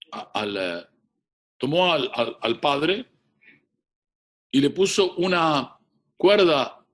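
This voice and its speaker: A man's voice: mid-range voice, a bit bright. Solemn storytelling male rabbi. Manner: solemn storytelling with frequent restarts. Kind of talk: sermon.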